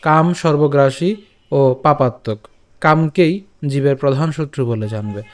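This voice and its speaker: A man teaching Sanskrit verse pronunciation syllable by syllable, often checking "all right?" with his listeners and reciting the verse slowly and drawn out. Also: medium pitch. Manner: breaks words into syllables, asks "ঠিক আছে?" often. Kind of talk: step-by-step Sanskrit pronunciation lesson.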